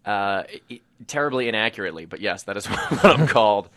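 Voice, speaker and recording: A man's voice: fairly low pitch, expressive, fairly quick, bright, forceful tone, dry recording. A man, a comedian chatting as a radio guest in a rambling, self-deprecating way with lots of restarts. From New York City. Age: 20s. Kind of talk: casual radio interview chat.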